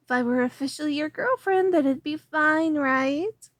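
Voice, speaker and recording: Her high voice moves at a moderate pace with no room sound. An ASMR roleplay performer, she voices a young alchemist whose working chatter rambles before it shifts into clingy obsession in a scripted audio piece.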